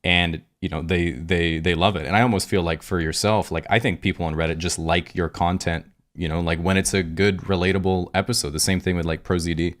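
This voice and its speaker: Deep-voiced man hosting a podcast. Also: fairly even intonation, a little fast, few pauses. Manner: meandering, reflective questioning. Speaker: podcast host. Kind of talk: casual conversational interview.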